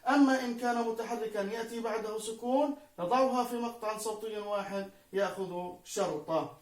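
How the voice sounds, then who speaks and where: A male teacher, patiently giving a video lesson and spelling out syllables one by one for the student. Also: sits high. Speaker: Arabic teacher. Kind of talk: video lesson on Arabic prosody. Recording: echoey room, mic far away.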